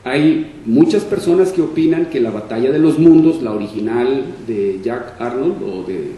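An older man, in his 60s or 70s, speaks on a science fiction discussion panel from an indoor panel table, giving a formal public talk into a shared table microphone on a stand. His mellow, fairly high voice is animated and moderately paced, and the distant mic picks up an echoey room.

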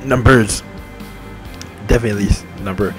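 This twenties-aged gaming channel host has a lowish voice and talks at a moderate pace, rambling cheerfully over a game menu. He repeats himself while giving enthusiastic shout-outs, with faint menu music playing underneath.

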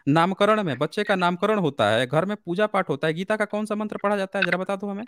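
A high-pitched man hosting a live call-in debate, pressing his caller with rapid, insistent questions. His voice is dry and close, with no room sound around it. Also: a bit bright, clean tone, no echo. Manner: argumentative, rapid-fire questioning. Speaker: host.

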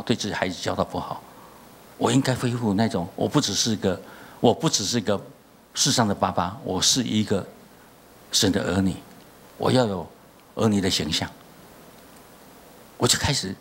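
A middle-aged man from Taiwan with a Taiwanese accent, preaching a church sermon as pastor and telling family stories in a lively way. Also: fairly low pitch, slight background noise. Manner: animated storytelling, acting out family dialogue in raised voices.

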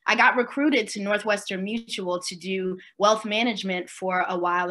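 A woman in her forties from Swaziland speaks on a video call from a room at home, her voice bright and clear in tone. She talks in a relaxed, conversational way, pausing with fillers and checking in with her listeners. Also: medium pitch. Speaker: keynote speaker. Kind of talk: virtual keynote talk.

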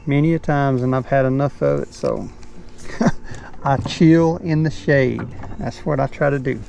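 A middle-aged man with a medium-pitched, darkish voice speaks in a steady, unhurried way with vocal fry, giving folksy, casual narration while fishing from a small boat on a shaded swamp. The fishing vlogger's head-mounted action camera picks up faint outdoor noise.

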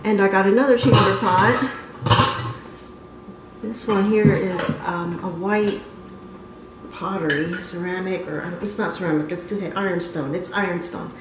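This casual show-and-tell vlog follows a woman in her fifties from her living room to her car and an antique mall as she shows her booth items. She talks at a normal pace in a mid-range voice, with long pauses, frequent ums, and self-corrections, and the recording is very noisy.

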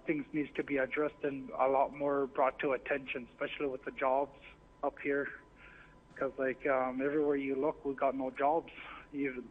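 Man with on tinny phone. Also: mid-range voice. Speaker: phone-in caller. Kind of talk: informal phone-in commentary on local issues. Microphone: telephone. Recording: tinny, band-limited phone line.

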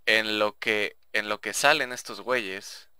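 A man's voice: lowish voice, unhurried, pushed and bright, slight background noise. A young man with a Mexican Spanish accent giving casual, chatty gameplay commentary, swearing and talking to himself. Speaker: gaming YouTuber.

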